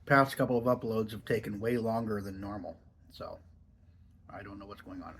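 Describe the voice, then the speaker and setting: A man's voice: fairly low pitch, steady tone, moderate pace, fairly bright tone, a little hiss or hum. An American man chatting casually in a rambling, folksy vlog style, his speech slightly muffled by a lip full of dipping tobacco. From Oregon, United States. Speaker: dipping tobacco review vlogger. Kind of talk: casual rambling chat to camera.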